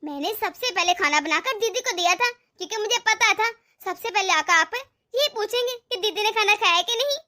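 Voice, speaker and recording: A scheming young wife in an animated story, as a woman voices her, griping with sarcasm in a very high, piercing voice. The tone is bright and cutting, every complaint dripping with resentment. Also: normal speed, few pauses, full character voice. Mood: sweetly false. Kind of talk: animated cartoon voice acting.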